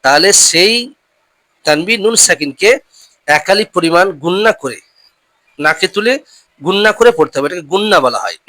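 A man teaches Quran recitation in a bright, fairly high voice. He explains each rule patiently, then recites drawn-out Arabic examples. The recording is close and dry. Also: no echo. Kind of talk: step-by-step recitation lesson.

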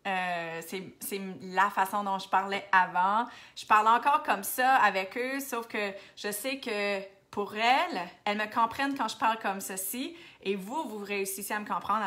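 A woman's voice: mid-range voice, steady tone, normal speed, hardly any pauses, bright, forceful tone. A woman from New Brunswick with an Acadian French accent, chatting casually on a live stream as she answers viewers' comments and slips into English now and then. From New Brunswick, Canada. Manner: chatty, switches to English, drops to near-whispers now and then. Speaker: makeup seller hosting a Facebook live.

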